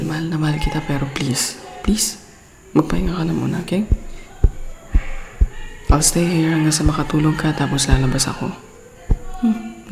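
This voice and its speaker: A woman with a low, darkish voice and a Filipino accent playfully scolds and tenderly coaxes as an exasperated yet doting girlfriend in an intimate ASMR roleplay. She code-switches into English. The recording comes from an echoey room with long reverb and a faint hum of background noise.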